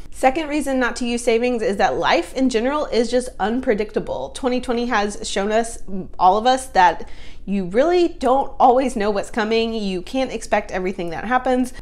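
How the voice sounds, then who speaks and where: Upbeat woman vlogging. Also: on the high side. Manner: chatty and upbeat, addresses viewers as y'all. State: pregnant. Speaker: personal finance YouTuber. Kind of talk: casual vlog talking to viewers.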